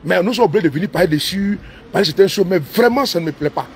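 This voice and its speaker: A man's voice: high voice, expressive, fast, slight background noise. A man streaming live from inside his car, talking in a long, repetitive, rambling monologue and slipping into broken English now and then. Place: inside his parked car with engine running.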